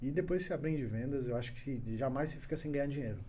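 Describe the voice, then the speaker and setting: A man, a guest entrepreneur telling anecdotes on a casual podcast, animated and chuckling often. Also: mid-range voice, racing, crowd noise.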